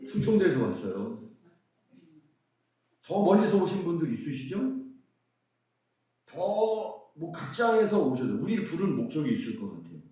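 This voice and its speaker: Lively male pastor in an echoey hall. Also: fairly high pitch, normal speed, pauses often. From Seoul, South Korea. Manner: lively preaching with rhetorical questions. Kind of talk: conference sermon. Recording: very echoey hall, mic far off.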